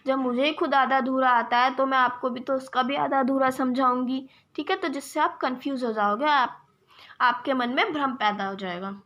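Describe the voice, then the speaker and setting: High bright-voiced woman teaching a lesson. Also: fairly even intonation, moderate pace. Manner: explains step by step, keeps checking with "ठीक है"; addresses viewers as "friends", gives examples. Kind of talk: exam-prep lecture.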